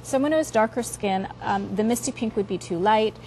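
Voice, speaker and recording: Woman, home shopping expert guest, medium pitch, conversational advice, explanatory, run-on phrasing, noisy ambience. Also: brisk, a little mellow. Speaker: guest makeup expert presenting her own product line on home shopping.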